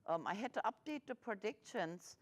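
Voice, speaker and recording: A woman's voice: mid-range voice, animated, normal speed. A middle-aged woman hosting an interview, talking hesitantly with many fillers and restarts. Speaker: host. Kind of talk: casual interview.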